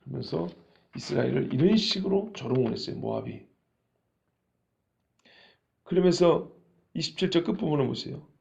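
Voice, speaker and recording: A male pastor preaches with lively energy and keeps putting questions to his congregation. His voice is fairly high with a strong gravelly edge. The recording has a dull, lo-fi sound. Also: normal speed, long pauses. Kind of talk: sermon.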